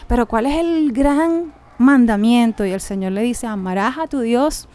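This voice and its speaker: Woman, podcast co-host, casual bible reflection, hesitant fillers, slightly high voice. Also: a little slow, mellow. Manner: conversational, hesitant fillers while recalling.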